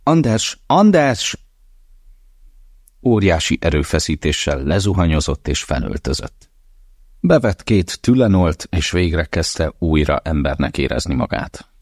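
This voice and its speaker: A man narrating an audiobook in a steady, measured reading. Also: rumbling low, no echo, studio quality. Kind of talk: scripted narration.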